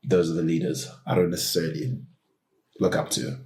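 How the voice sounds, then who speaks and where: A man in his early twenties, a student on a panel, speaking carefully with pauses. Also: low-pitched, level tone, darkish tone. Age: 20s. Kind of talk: casual panel discussion.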